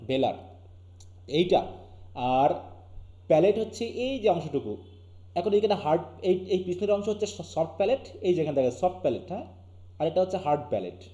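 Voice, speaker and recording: Fast-talking Bangladeshi teacher, echoey room. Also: male voice, fairly high pitch, very animated, dark tone. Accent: Bangladeshi Bengali. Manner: keeps asking students questions. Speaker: English teacher. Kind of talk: live online class lecture.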